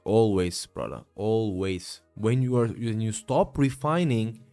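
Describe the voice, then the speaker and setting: Soft music plays faintly as a tired man in his late twenties talks through his trades on stream after a long session, answering chat casually with fillers and calling everyone "bro." His voice is lowish and dark, expressive but measured in pace.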